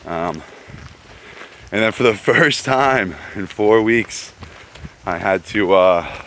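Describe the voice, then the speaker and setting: Laid-back deep-voiced man vlogging outdoors. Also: expressive, slow, a bit bright, slight background noise. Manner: laid-back, rambling, slangy, many fillers. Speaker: vlogger walking a pilgrimage route. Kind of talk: casual walking vlog. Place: outdoors on a woodland trail, walking.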